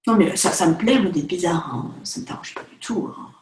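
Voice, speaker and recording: A woman talking casually to the camera as a vlogger and photographer, chatty and animated, filling her talk with asides and fillers. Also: fairly low pitch, fairly quick. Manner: chatty, animated, direct address with many fillers. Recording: echoey room.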